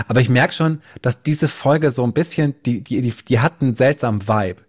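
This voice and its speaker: A man from Northern Germany chats on a podcast with playful, joking banter. His voice sits at a plain middle pitch, recorded close on a podcast mic. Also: moderate pace. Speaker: podcast co-host, copywriter and author. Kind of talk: casual podcast chat.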